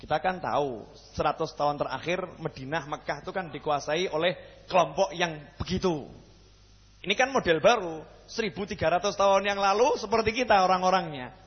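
A man's voice: high voice, a little fast, slightly rough, long reverb tail, lo-fi sound. A man with a Javanese accent preaching a sermon, who keeps asking the crowd questions and joking. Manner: questions the crowd, jokey, lively. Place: mosque hall.

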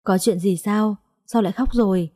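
A woman's voice: on the low side, steady tone, normal speed, dry recording, clean studio sound, natural voice. A woman voicing a caring, concerned young man in an audiobook story. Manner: warm, concerned.

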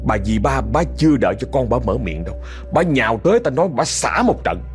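Male storyteller, Southern accent, chatty, directly addresses the audience, very expressive pitch. Casual oral narration. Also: fairly quick, faint music behind. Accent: Southern Vietnamese.

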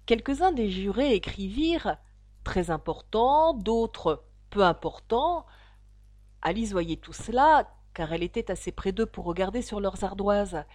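A woman reading a classic children's storybook aloud with expressive narration. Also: mid-range voice, normal speed, hardly any pauses, no room sound, studio quality. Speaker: audiobook narrator.

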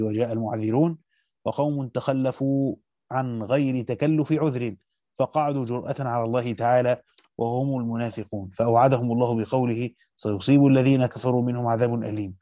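A man reading a classical Quran commentary aloud as a teacher, at a rapid steady pace that slows to stress key words, with brief comments of his own. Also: mid-range voice, dry recording, muffled recording.

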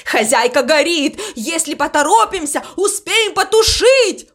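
A woman voicing a fussy, excitable male raven in a storybook reading, shrieking in alarm. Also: mid-range voice, a little slow, slightly rough, heavily acted. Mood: panicked. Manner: shrieking in alarm, then meek and muttering.

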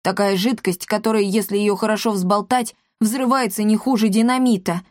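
A woman's voice: mid-range voice, steady tone, moderate pace, dry recording, studio quality, close to an everyday voice. A woman voicing an earnest, serious boy explaining things.

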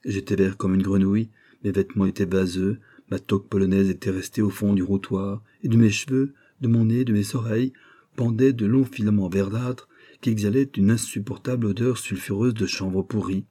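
A male narrator reads a literary tale with measured, expressive delivery. His voice is slightly low and mellow, with a husky grain. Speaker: audiobook narrator. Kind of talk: reading a literary story aloud.

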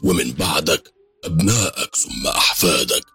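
A man with an Egyptian accent voicing a sly, cruel male devil who speaks slowly and gloatingly. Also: very deep voice, bright, forceful tone, soft background music. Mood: menacing. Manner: slow, menacing, gloating.

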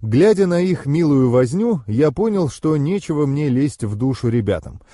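Expressive male audiobook narrator. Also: on the high side, normal speed, no room sound, studio quality. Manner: expressive first-person storytelling. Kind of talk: scripted narration.

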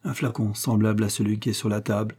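A man's voice: on the low side, flat delivery, fast, darkish tone, husky. A man reading aloud who voices a passionate young duke, pleading fervently with his beloved. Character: impassioned, impatient young duke, a repentant lover.

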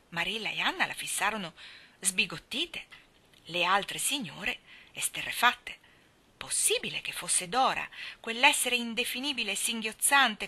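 A woman reading a novel aloud as a storyteller, with an expressive delivery. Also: on the high side. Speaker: reader.

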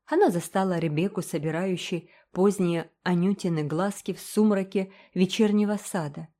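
A woman narrating a novel in an even storytelling delivery. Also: fairly low pitch, moderate pace. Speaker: audiobook narrator. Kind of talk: scripted narration.

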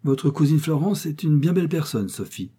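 A man voicing a kindly, jovial old gentleman speaking to his relatives at dinner. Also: a little high, animated, moderate pace, slightly rough, pitched above the performer's own voice. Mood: tender. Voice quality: genial, warm-hearted.

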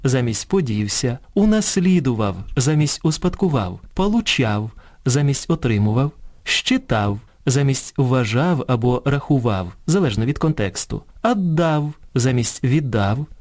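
A man presenting a scripted educational radio programme. He reads in a measured way, contrasting correct and incorrect forms one by one. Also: medium pitch, animated, darkish tone. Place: radio studio.

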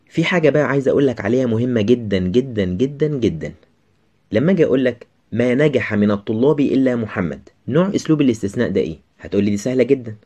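A man's voice: mid-range voice, darkish tone. A man with an Egyptian Arabic accent teaching a grammar lesson, chatty and talking straight to the student with questions.

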